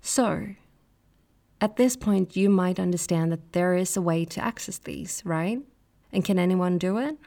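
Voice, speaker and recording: A woman's voice: on the low side, a little slow, creaky, mellow. A woman hosting a solo spiritual podcast, talking reflectively and asking the listener questions. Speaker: podcast host.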